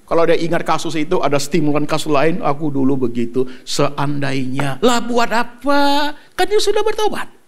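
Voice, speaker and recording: A male pastor preaching a sermon in an animated, joking way, mixing English into his talk. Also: high voice, a little fast, a little hiss or hum.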